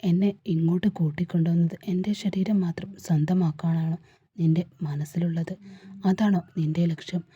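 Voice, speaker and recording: A defiant young wife in a storybook, steady and challenging in her questions, as a woman narrator voices her. The tone is dark and husky, recorded close and dry. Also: fairly low pitch, moderate pace, no room sound, dull audio.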